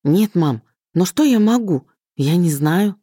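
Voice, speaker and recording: A woman's voice: lowish voice, animated, measured pace, no echo, clean studio sound, pitched above the performer's own voice. A woman doing a timid, frightened daughter. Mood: timid pleas. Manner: quiet, hopeless pleading.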